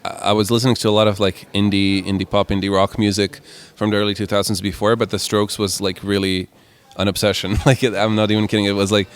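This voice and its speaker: Low, smooth-voiced young man. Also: fast, few pauses. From Croatia. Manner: relaxed, rambling with many "like" and "kind of" fillers. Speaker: musician guest. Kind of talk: casual interview answers.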